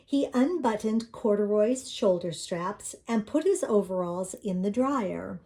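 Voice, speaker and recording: A woman's voice: medium pitch, animated, unhurried, warm tone. An older woman reading a children's picture book aloud in a sweet, grandmotherly storytelling manner.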